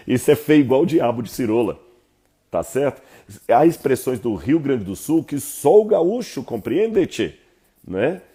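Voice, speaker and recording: A man with a Brazilian accent giving an animated Bible teaching talk, often asking his listeners rhetorical questions. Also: mid-range voice, slightly rough. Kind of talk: explanatory teaching talk to viewers.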